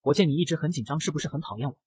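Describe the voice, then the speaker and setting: A man reading a domineering rich heir in a comic recap, bossy and cold. The talk runs very fast on a husky, slightly high voice. It is dry, with no room in it. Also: a little mellow, dry recording. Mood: coaxing.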